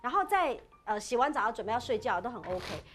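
A woman casually telling a ghost story on a podcast, chatty and animated, with many filler particles. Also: a little high, a little fast, very noisy. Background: background music.

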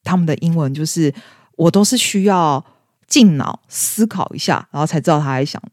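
A woman's voice: sits low, normal speed, a little mellow, dry recording, clean studio sound. A young woman in her twenties, a podcast co-host, telling a story casually and acting out quoted lines in raised voices.

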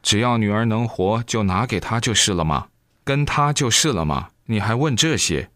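A man's voice: on the low side, animated, normal speed, fairly bright tone, dry recording, clean studio sound. A man doing an exasperated old mother. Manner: exasperated, pushy. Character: impatient old mother, pleading for her daughter.

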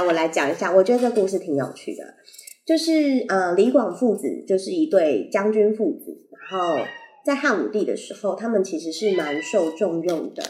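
A woman's voice: mid-range voice, a little mellow. A woman with a Taiwanese Mandarin accent and slightly unclear articulation from wearing braces, hosting a casual solo podcast in a rambling, playful, self-correcting way. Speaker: podcast host. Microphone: compact condenser microphone plugged into a phone. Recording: roomy, echoey sound on a compact microphone.

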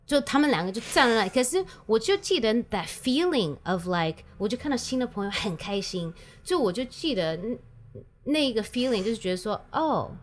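A woman's voice: fairly high pitch, expressive, brisk, slight background noise. A woman telling a personal story in casual chat, slipping English words and phrases into her speech. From United States. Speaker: guest.

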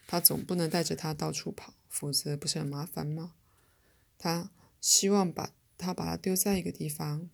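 A woman reading a story aloud as narrator, in a steady, measured storytelling manner. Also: low-pitched, vocal fry. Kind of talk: audiobook narration.

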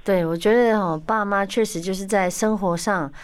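A woman with a Taiwanese Mandarin accent hosting a podcast, chatty and quick to agree with her guest. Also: medium pitch, steady tone, clean tone. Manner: chatty, warm agreeing with many short backchannels. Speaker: podcast host. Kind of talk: casual podcast interview.

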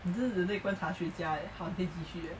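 Woman, podcast co-host, casual banter, very fast talker, lively pitch, echoey and off-mic. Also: far from the mic, a little hiss or hum. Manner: playful and teasing, jumps into exaggerated voices. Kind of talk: casual chat.

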